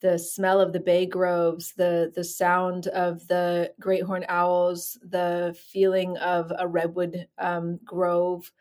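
A middle-aged woman from the San Francisco Bay Area, a physician and co-author, speaking in a reflective, measured way with many fillers. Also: on the low side, completely flat delivery, darkish tone. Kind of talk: interview conversation.

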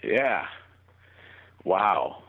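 Low-voiced effusive comedian host. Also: male voice, sing-song, extremely slow, husky, narrow, tinny audio. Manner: effusive, exclaims often, loose rambling phrasing. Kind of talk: casual podcast chat.

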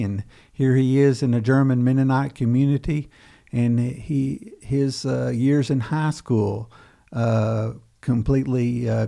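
An older male history professor, appearing as an interview guest, tells a story unhurriedly, with many pauses and fillers. His voice is medium-pitched, gravelly, and dark in tone.

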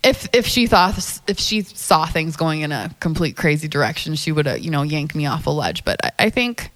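A woman's voice: sits low, big pitch swings, a little fast, a bit bright. A woman, a dating coach, chatting as an interview guest in a thoughtful way, often repeating words and laughing easily. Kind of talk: casual interview chat. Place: lives in New York.

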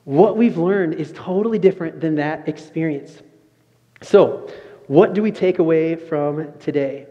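A young man preaching a sermon as a pastor, telling an animated story. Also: a little high, unhurried. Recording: muffled sound, long reverb of a large room.

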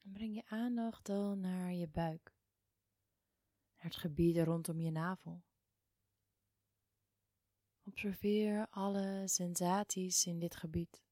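A woman guiding a relaxation meditation in a soft, hushed, near-whispered voice, soothing and unhurried, with long pauses. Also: lowish voice, steady tone, no room sound, studio quality. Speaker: yoga and meditation guide.

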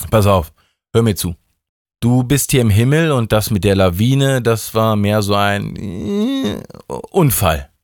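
A man's voice: lowish voice, sing-song, slow, darkish tone, dry recording, heavily acted. Man reading as a sloppy, careless God from a spoken story, casual and flustered, slightly raised voice, dry close sound. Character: laid-back slangy male God, sloppy and careless.

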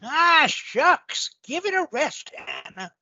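A whiny young country prosecutor grumbles in folksy slang, played by a high voice. He sounds very high and bright, jumping all over in pitch. The audio is muffled and lo-fi. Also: very animated, slow pace, vocal fry, faint music behind, exaggerated voice.

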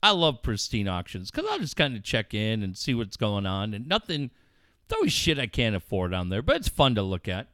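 Animated, swearing man on talk radio. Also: lowish voice, brisk, no room sound, studio quality. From Southern California. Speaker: radio show host. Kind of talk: casual profane talk radio chat.

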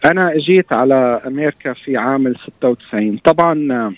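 A man's voice: mid-range voice, fast talker, dry recording, narrow, tinny audio. A man in his fifties from Syria with a Levantine Arabic accent, answering interview questions conversationally and often searching for his words. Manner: hesitant, searching for words with trailing repeats. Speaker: interview guest, doctor.

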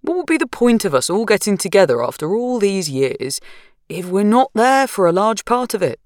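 A woman narrator voicing a calm, patient husband, speaking easily and affectionately. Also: medium pitch, normal speed, no echo, studio quality, voice pushed up, close to an everyday voice. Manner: easy, soothing, affectionate.

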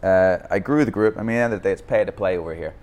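Rapid-fire and a little mellow, a low-sitting male voice with a Northern Irish accent recounts how he came to coach. He founded a youth football academy in Bangkok and speaks candidly in a podcast interview, frequently starting sentences over.

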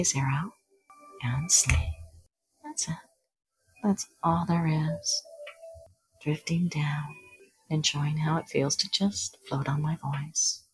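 Breathy low-voiced woman whispering a hypnosis. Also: low-quality recording. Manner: soft, slow, often whispered. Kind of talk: guided hypnosis induction.

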